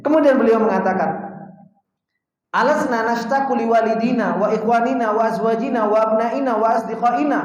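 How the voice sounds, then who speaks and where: A male religious teacher talks in a relaxed, conversational way and keeps turning to his listeners with rhetorical questions. His voice is caught in a strongly echoing space with a long, hanging reverb. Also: very high-pitched. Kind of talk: religious study-circle talk. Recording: very echoey hall with long reverb.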